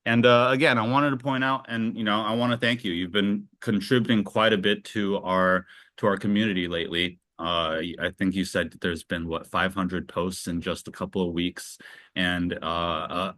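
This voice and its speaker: Low-voiced man hosting an interview. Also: level tone, moderate pace, fairly bright tone, no room sound, clean studio sound. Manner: loose, filler-heavy, many restarts. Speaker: interview host. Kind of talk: casual online interview.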